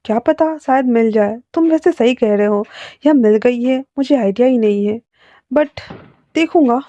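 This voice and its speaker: A woman's voice: on the high side, moderate pace, dark tone, no echo, close to an everyday voice. Woman voicing a reserved, wry young man. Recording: dull lo-fi recording.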